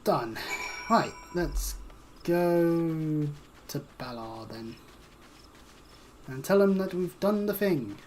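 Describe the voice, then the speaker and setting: A woman's voice: sits low, expressive, slow, pauses often, a little mellow, soft background music. A woman casually commenting on her gameplay, chatty and humming to herself, swearing now and then. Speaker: streamer.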